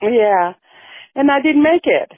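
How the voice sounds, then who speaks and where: A woman's voice: high-pitched, animated, slow, no room sound. Retired woman on a phone line. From Fiji. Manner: warm, reflective storytelling with frequent yeahs. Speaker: guest. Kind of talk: casual radio interview. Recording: dry phone-like radio line.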